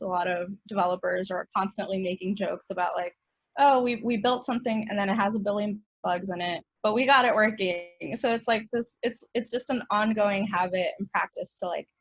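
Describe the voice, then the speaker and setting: A woman's voice: medium pitch, dry recording. Chatty woman on a dull call line. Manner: casual, chatty, many "like" and "right?" fillers. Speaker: tech panelist. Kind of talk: panel discussion answer.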